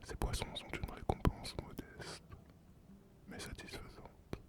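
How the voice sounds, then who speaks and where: A performer voicing a solitary male sea captain and former pirate in a whispered role-play, breathy and unvoiced, telling the tale slowly and poetically to the listener. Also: close to an everyday voice. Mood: wistful, serene. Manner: slow, poetic storytelling addressed to the listener.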